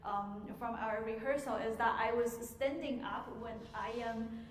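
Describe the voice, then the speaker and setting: A woman teaching a piano masterclass, answering audience questions in a measured way with frequent pauses and ums, in an auditorium. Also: a little high. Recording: echoey hall, faint noise.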